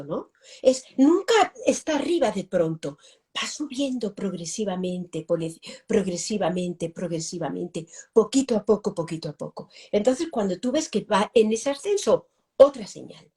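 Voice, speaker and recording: Woman, 50s; expert guest, higher-pitched voice, swoops up and down, repeats herself for emphasis. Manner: animated, repeats phrases, acts out examples. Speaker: guest pedagogue. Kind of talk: live-stream interview answer.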